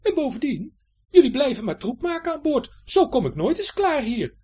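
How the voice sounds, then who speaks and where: A woman voicing a calm, teasing young woman who is obsessed with cleaning, in a storybook reading. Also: sits high, moderate pace, pitched above the performer's own voice. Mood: scolding. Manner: cool, teasing.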